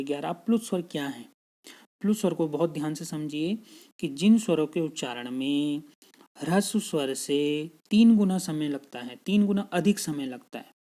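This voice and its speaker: A man's voice: fairly high pitch, mellow. A man teaching a grammar lesson patiently, repeating each point and checking in with his students. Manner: patient, repeats points, frequent "theek hai" check-ins.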